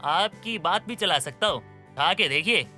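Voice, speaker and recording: A voice actor playing an excitable, goofy young man who sells dhokla in an animated story, talking in comic, over-the-top bursts. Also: mid-range voice, normal speed, soft background music. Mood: cheeky.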